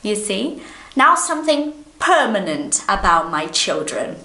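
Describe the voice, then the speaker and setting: A woman's voice: mid-range voice, big pitch swings, unhurried, pushed and bright. A woman in her thirties from Brazil, a native Portuguese speaker, giving an online English lesson in a patient, encouraging way, talking straight to the viewer. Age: 30s. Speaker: English teacher. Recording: echoey room.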